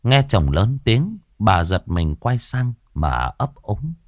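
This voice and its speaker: A man's voice: fairly low pitch, very animated, takes it slowly, no echo, studio quality. A man reading a grim rural ghost story aloud with dramatic expression.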